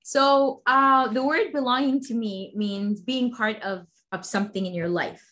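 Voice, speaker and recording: A woman's voice: a little high, measured pace, a bit bright. Enthusiastic woman guest, many fillers. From Sudan. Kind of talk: interview conversation.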